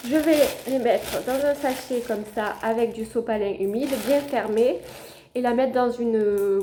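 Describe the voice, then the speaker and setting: A woman's voice: fairly high pitch, mellow, slight background noise. A woman chatting casually in a home vlog, showing her plants to viewers. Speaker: gardening vlogger. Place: at home by a window.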